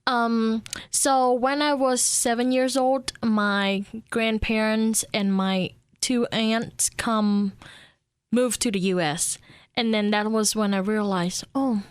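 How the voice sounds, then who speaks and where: A woman's voice: fairly high pitch, slow pace, smooth, no room sound, studio quality. A young woman from Vietnam with a Vietnamese accent, whose first language is Vietnamese, chatting casually as an interview guest. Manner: chatty, relaxed storytelling with fillers.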